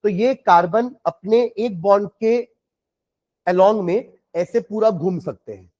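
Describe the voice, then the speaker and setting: A man teaching a chemistry class, explaining patiently, asking his students questions and dictating notes slowly with repetition. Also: sits high, a little mellow, lo-fi sound.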